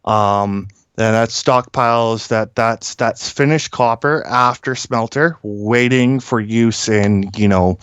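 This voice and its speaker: A man calls in as a guest with informal industry commentary, halting, blunt and opinionated, with plenty of filled pauses. His voice is mid-range and fairly bright, clean and recorded dry.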